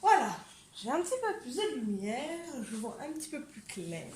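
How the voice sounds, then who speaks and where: A woman's voice: high-pitched, big pitch swings, moderate pace, a little mellow, slight background noise. A woman chatting casually as she colors, filling her talk with hesitations and asides. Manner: chatty, many fillers, talks to her cats. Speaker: coloring channel host. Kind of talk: casual coloring tutorial chat. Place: home room with window.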